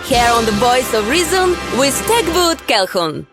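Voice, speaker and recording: A man putting on a high, showy announcer voice to introduce a comedy segment over music. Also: sing-song, measured pace, full character voice. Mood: rousing.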